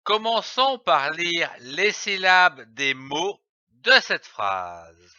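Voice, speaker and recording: A man leads a reading lesson for young children, over-articulating each sound and spelling syllables letter by letter. His delivery is very slow, and his voice is bright and lively. The recording is dull and lo-fi, with a dry, close sound. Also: a little high, no room sound. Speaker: reading teacher.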